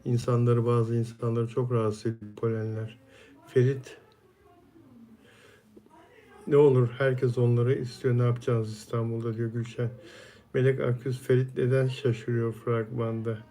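Reading viewer comments aloud one after another, a man hosts a casual live stream and greets each viewer by name, friendly and chatty. He speaks at an ordinary middle pitch with a dark, level tone, a moderate pace and long pauses.

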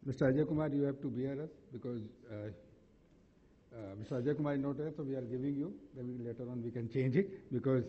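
A man's voice: mid-range voice, fast talker, muffled recording. A man with a North Indian accent making formal conference announcements in a polite, hesitant way, repeating phrases as he goes. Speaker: convention session host. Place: large indoor hotel conference hall.

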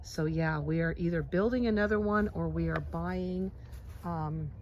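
A woman's voice: lowish voice, a little slow, dull audio, slight background noise. Chatty Midwestern woman touring her homestead. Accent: Midwestern American. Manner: chatty, excitable, many fillers. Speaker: homesteader vlogger. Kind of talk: casual walkthrough tour. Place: outdoors on a farm, in and around a greenhouse. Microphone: handheld phone camera.

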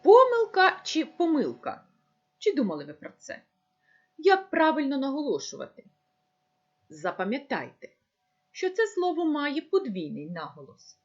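A woman teacher giving a recorded lesson, speaking slowly and deliberately as if dictating. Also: sits high, huge pitch swings, highs cut off. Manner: slow, deliberate dictation-like delivery.

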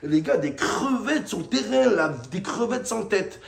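A man giving a loud, mocking rant of a football match debrief, breaking into sudden shouts. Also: high voice, big pitch swings, a little slow, gravelly, echoey room. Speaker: football fan vlogger. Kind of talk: ranting match debrief to camera.

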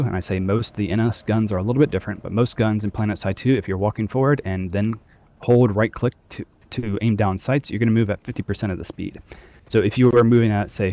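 Lower-voiced man over group voice chat. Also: a little mellow, highs cut off. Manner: loose, instructive, many fillers. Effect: heard over group voice chat. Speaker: squad trainer. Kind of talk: casual game instruction.

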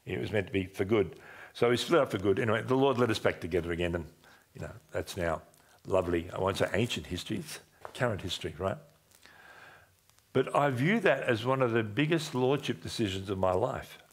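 Older guy pastor sitting on stage w headset mic, lowish voice, chatty sermon storytelling, goes quiet n low to make a point. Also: a little fast, breathy edge. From Australia. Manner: conversational, animated gestures, drops low for emphasis. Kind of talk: seated sermon with personal story. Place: dim church stage, indoors.

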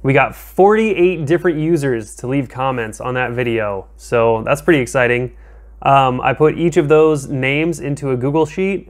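A man in his thirties making a casual, upbeat giveaway announcement to his viewers in an informal, appreciative way. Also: mid-range voice. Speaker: gaming channel host. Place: small home room with desk and monitor, indoors.

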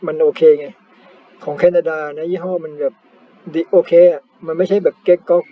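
A man's voice: fairly high pitch, fairly even intonation, moderate pace. A man from Thailand chatting casually as a cycling vlogger, self-mocking and full of polite particles. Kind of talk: casual chat over screen photos. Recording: slightly dull, lo-fi sound.

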